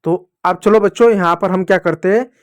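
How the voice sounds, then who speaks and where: A man teaching young children the Hindi vowel signs, stretching syllables slowly so they can repeat them and fondly calling them dear children. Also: sits high, dry recording, clean studio sound.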